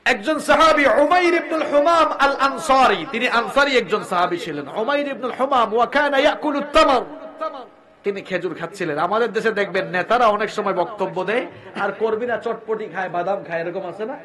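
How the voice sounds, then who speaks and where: A man from Sylhet preaching a waz sermon, impassioned and rising to shouts, with joking asides. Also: high-pitched, fairly quick, crowd noise. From Sylhet, Bangladesh.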